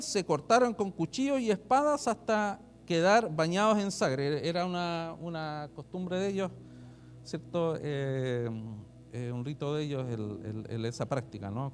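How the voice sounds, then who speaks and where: A man preaching an online sermon, reading scripture aloud and explaining it in chatty asides. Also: fairly high pitch. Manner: animated, loudly quoting then chatty asides. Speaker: pastor. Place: church online service.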